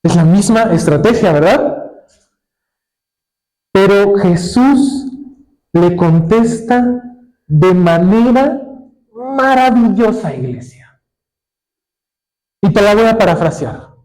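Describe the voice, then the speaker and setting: Male pastor, high voice, preaching and quizzing the congregation. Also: lively intonation, a little mellow, low-quality recording. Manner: asks the congregation questions and waits for answers; reads scripture aloud slowly, drawing words out. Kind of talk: sermon.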